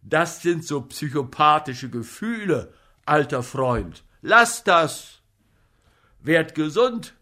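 A man voicing an agitated, boozy male comic actor who fusses loudly over a sick friend. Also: slow, heavily acted. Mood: fussing. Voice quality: loud, excitable, high-pitched.

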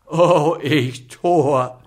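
A man voicing a furious, blustering older male pharmacist in a storybook reading, loud and outraged. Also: fairly high pitch, slow pace. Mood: lamenting.

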